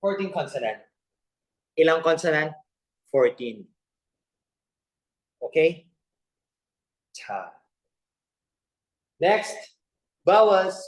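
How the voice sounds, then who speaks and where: A man with a fairly high voice teaches an online class over a video call. He keeps asking his students questions and slips playful jokes into the lesson. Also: very animated, very slow, long pauses. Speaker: Korean language teacher.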